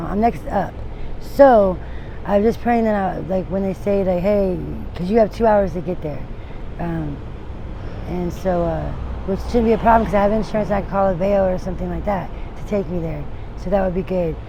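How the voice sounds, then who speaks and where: A woman in her forties gives a candid street interview in a lowish, creaky voice. She rambles frankly, restarting often and letting thoughts trail off. Traffic noise fills the outdoor recording.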